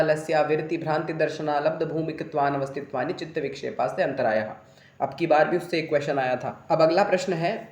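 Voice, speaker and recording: A man's voice: sits high, darkish tone, reverberant. A man teaching an exam answer-key lesson, chanting Sanskrit sutras in a recitation cadence and urging students in a coaxing teacher's tone. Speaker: yoga exam tutor.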